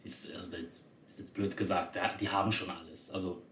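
A man's voice: deep voice, fairly even intonation, brisk, a bit bright, reverberant, a little hiss or hum. A man from Spain in casual conversation, chatty and hesitant, with many fillers. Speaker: conversation partner. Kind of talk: casual chat.

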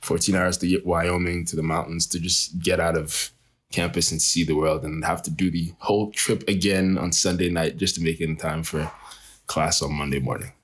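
A man, a travel photographer, chatting casually in an interview, animated and laughing often, with frequent restarts. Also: low voice, normal speed, husky.

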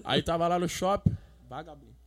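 A young man telling stories in casual chat, slangy, with sudden loud outbursts and swearing. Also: on the high side, a little fast. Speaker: guest.

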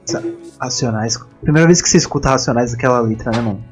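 A man's voice: medium pitch, fast, dull audio, faint music behind. A man with a Brazilian Portuguese accent hosting a casual, slangy chat and putting questions to others. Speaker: host asking questions.

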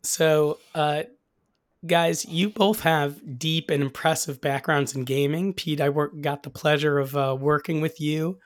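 A man hosting a casual podcast interview in a hoarse voice that he has partly lost, speaking with enthusiasm. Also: fairly high pitch, steady tone, unhurried, no echo, clean studio sound. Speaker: podcast host.

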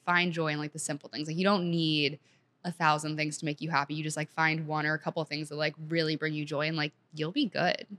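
Appearing as a guest, this content creator from Senegal, a woman in her twenties, keeps the conversation upbeat and casual, peppered heavily with "like." Her voice is low-pitched and a bit bright.

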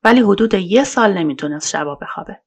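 A woman narrating a true-crime story in a colloquial, measured storytelling voice, as a podcast narrator. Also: medium pitch, expressive, gravelly, slightly rough.

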